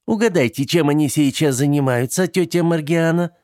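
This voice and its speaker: A man's voice: a little high, moderate pace, a little mellow, voice pushed up, close to an everyday voice. A man voicing a young girl from a vampire family who brags about her brothers. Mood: boastful.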